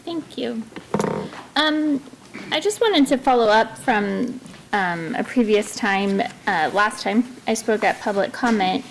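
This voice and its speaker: A woman's voice: on the high side, takes it slowly, gravelly, background noise. A woman giving a semi-formal public comment, hesitant, with frequent ums breaking up her phrases. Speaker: public commenter at a city council meeting.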